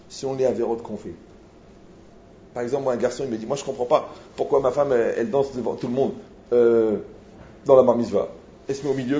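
A man, a rabbi, giving a lively sermon full of anecdotes, acting out dialogues and rising to near shouts. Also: medium pitch. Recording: roomy, dull lo-fi sound with faint noise.

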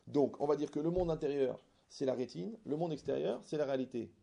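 A man giving a religious lecture to an audience, animated and full of jokes, often asking rhetorical questions. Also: fairly high pitch, fairly quick, creaky. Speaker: religious teacher. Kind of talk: lecture with anecdotes and humor.

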